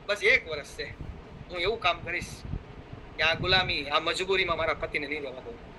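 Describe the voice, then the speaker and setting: A man's voice: a little high, fairly quick, noisy background. A middle-aged man giving a fervent motivational talk, urging listeners on and acting out what his friends said. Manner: fervent, exhorting, acts out quoted friends. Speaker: motivational speaker.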